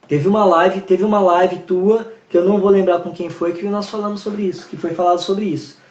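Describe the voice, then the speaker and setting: High-voiced man, animated storyteller. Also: fairly quick. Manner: animated, storytelling with acted-out greetings. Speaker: horse trainer and guest. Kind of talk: live-stream conversation. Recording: roomy, dull video-call sound.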